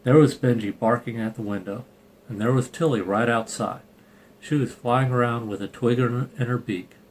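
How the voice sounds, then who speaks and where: Reading a children's picture book in an informal way, this channel host peppers it with sarcastic, irreverent remarks. His voice is mid-range, moderately paced and a little mellow, and the home recording is clearly noisy.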